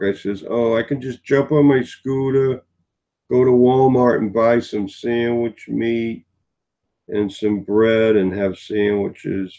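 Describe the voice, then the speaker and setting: A man's voice: mid-range voice, mellow. A man in his sixties, tired, chatting in a meandering, rambling way in a casual vlog. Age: 60s. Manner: meandering, chatty storytelling with many fillers. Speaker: vlogger.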